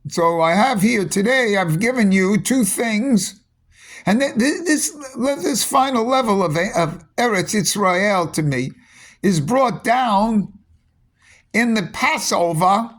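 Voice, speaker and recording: A man giving a rambling spoken teaching on mysticism, halting often with restarts and repeated words. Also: sits high, animated, a bit bright.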